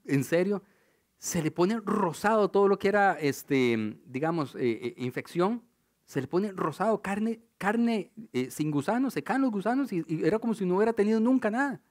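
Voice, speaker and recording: A man with a Costa Rican accent preaching a sermon, telling stories and asking rhetorical questions, moving between loud and hushed delivery. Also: sits high, animated, moderate pace. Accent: Costa Rican Spanish.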